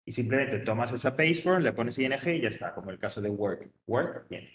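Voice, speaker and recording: Male teacher, patient, repeats points, mid pitch, roomy classroom echo. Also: lively intonation, a little fast. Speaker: English teacher. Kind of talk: classroom explanation.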